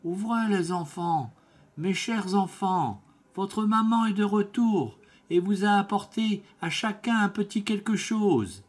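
A man's voice: sits high, takes it slowly, voice pushed up. A man voicing a sly wolf who puts on a sugary, coaxing voice. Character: sly wolf faking a sweet mother voice.

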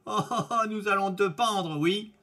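A man voicing a band of menacing highway robbers in a fairy tale, jeering and laughing as they threaten. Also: a little slow, sharp tone, heavily acted.

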